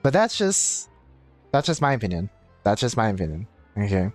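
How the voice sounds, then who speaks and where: A game streamer with a lowish voice and big pitch swings talks at normal speed over game music. Chatting casually on his livestream, he explains himself and keeps circling back over his points, repetitive and explanatory.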